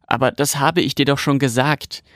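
Little girl in a storybook, eager and impatient, slightly raised gravelly voice, done by a man. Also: medium pitch, steady tone, moderate pace, fairly bright tone, no echo, studio quality, lightly acted. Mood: annoyed.

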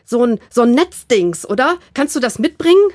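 A woman reading a children's book aloud and voicing an excitable, insistent young girl. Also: fairly high pitch, normal speed, no echo, studio quality, voice pushed up. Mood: eager. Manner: eager, insistent. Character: excitable girl, the best friend, bossy and secretive.

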